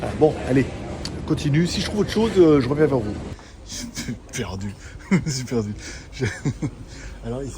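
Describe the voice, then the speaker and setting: The man here has a mellow, mid-range voice, animated but at a moderate pace with long pauses. He's doing a casual walk-and-talk vlog through a busy indoor electronics market, rambling, laughing often and swearing over loud market noise.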